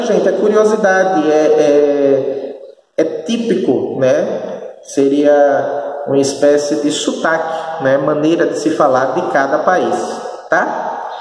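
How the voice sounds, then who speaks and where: A man with a Brazilian northeastern accent teaching a recorded class, speaking slowly and patiently, often checking that students follow. His voice sits a bit high for a man. It is heard from some distance in a bare room with a long, ringing reverb. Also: darkish tone. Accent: Brazilian Portuguese, northeastern. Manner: slow, explanatory, checks understanding with frequent tag questions. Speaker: Spanish teacher. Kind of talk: recorded remote class lesson. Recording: echoey room, voice far from the mic.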